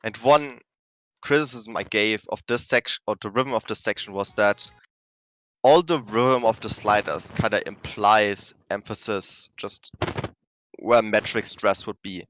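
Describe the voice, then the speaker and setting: A man's voice: on the low side, unhurried, a bit bright, slight background noise, poor audio. A man teaching rhythm game map design in a casual, rambling way, often correcting himself mid-sentence. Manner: rambling, self-correcting, many fillers. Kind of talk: casual explanatory lesson.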